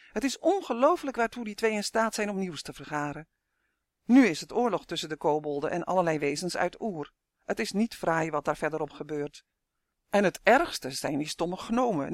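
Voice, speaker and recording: A man voicing a cheeky little male elf who chatters on quickly. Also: high-pitched, a bit bright, no room sound, clean studio sound.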